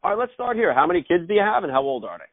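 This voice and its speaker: A man interviews guests casually as a podcast host. He talks very fast in a slightly high voice, and the line sounds thin and phone-like. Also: very animated, crowd noise.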